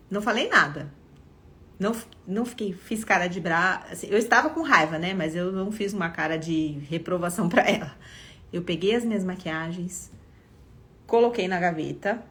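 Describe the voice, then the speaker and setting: A woman's voice: lowish voice, normal speed, fairly bright tone. A middle-aged Brazilian woman, a parenting educator, talks to parents on a live stream in a conversational way, often checking in with her listeners. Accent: Brazilian Portuguese. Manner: conversational, frequent "né?" and "tá?" check-ins.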